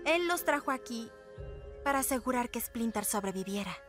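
A woman's voice: a little high, animated, moderate pace, fairly bright tone, soft background music. A woman voicing a bubbly, friendly young time traveler in a cartoon. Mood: cheerful, explaining. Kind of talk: animated cartoon dub acting.

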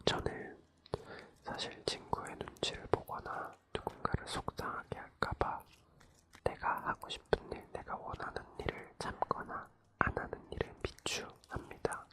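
Close, leaned-in whispering radio host. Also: unhurried. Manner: leaning in to whisper, soft and intimate; gentle, consoling, informal advice-giving. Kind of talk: whispered ASMR radio show, reading and answering listener stories.

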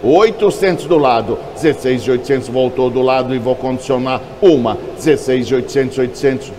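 A man's voice: medium pitch, background noise. A Brazilian man working as an auctioneer, chanting bids in short, repeated number phrases. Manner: repetitive bid calling, clipped number phrases.

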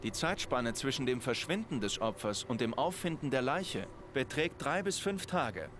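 A man playing a serious, analytical investigator in a dubbed video game, giving a measured, matter-of-fact briefing. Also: medium pitch, very animated, noisy background, close to an everyday voice. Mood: serious, factual. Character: serious analytical male investigator in his thirties.

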